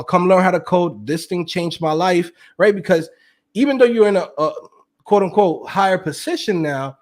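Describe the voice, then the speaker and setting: A young man telling his story as an interview guest, slangy and animated, acting out quotes with laughs. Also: sits high. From Queens, New York. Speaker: guest, web developer.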